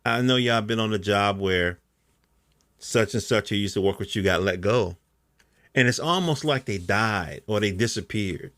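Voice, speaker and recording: Speaking at a moderate pace, a middle-aged American man hosts a podcast in a low, slightly bright voice with no room sound and clean studio audio. His casual monologue is rambling and colloquial, and he often makes sure the listener is keeping up.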